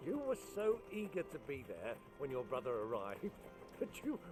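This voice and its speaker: A male actor playing a spry, lively old uncle in a fantasy video game, speaking with genial theatrical eagerness. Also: mid-range voice, moderate pace, over music. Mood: fond, amused. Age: older.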